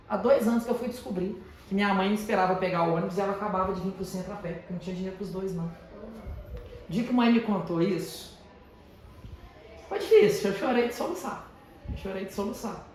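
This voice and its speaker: Speaking to teenagers in a big, very echoey house of prayer, a motivational speaker in his 30s from Minas Gerais, Brazil, uses a high-pitched voice. He slows and softens his words on purpose to sound calm, with faint noise in the background.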